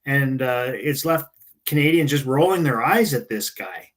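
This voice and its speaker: A man co-hosting a casual political podcast, talking in halting phrases full of fillers. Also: medium pitch, expressive, a bit bright. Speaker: podcast co-host.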